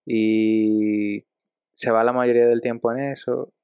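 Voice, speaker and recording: A young man from Ecuador with a Dominican Spanish accent, co-hosting a podcast in casual chat, speaking in a measured, hesitant way. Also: medium pitch, little pitch movement, clean tone, no echo. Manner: measured, hesitant, soft chuckles. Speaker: podcast co-host. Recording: dull dry lo-fi sound.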